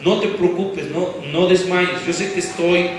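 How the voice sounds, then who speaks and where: A little slow and fairly even in intonation, a high-pitched pastor preaches emphatically. He asks the congregation questions along the way and draws on football comparisons. The echoey church hall recording is distant, with faint background noise.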